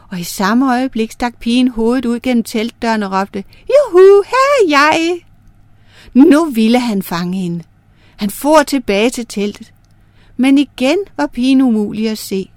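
A woman narrating folk myths as a storyteller, in a lively, clear way. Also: fairly high pitch, no echo.

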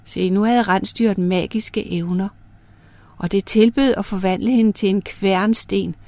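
A woman's voice: mid-range voice, dry recording. Woman telling folk myths aloud. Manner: lively, clear storytelling. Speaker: storyteller. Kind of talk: storybook narration of folk myths.

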